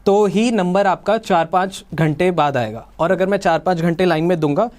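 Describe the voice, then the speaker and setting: A man's voice: high-pitched, normal speed, darkish tone. A young man with a Delhi Hindi accent, hosting a podcast and telling a long personal story in casual chat, acting out the voices of the people in it. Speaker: podcast host.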